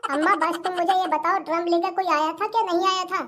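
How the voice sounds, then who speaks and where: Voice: very high-pitched, fairly even intonation, fast talker, sharp tone. A voice actor playing a young daughter-in-law who talks in a coaxing, insistent way in a comedy cartoon, with a rural Hindi accent. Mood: accusing. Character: sly, sweet-talking young daughter-in-law.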